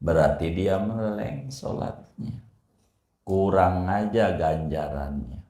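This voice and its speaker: A male Islamic preacher, giving a folksy religious lesson full of jokes and loud rhetorical questions. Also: deep voice, slow. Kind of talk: religious study lecture. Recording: roomy echo.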